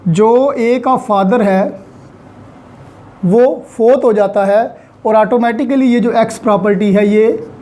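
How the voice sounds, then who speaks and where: With a dark tone at mid-range pitch, a lecturer with a Pakistani accent methodically explains law, building it up step by step through examples. The talk is in Urdu, peppered with English legal vocabulary.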